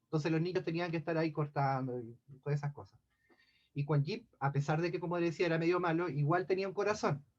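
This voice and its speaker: A man's voice: a little high, quick pace, lo-fi sound. A man, casually telling a myth to a scout group, hesitant and full of restarts and asides. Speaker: storyteller.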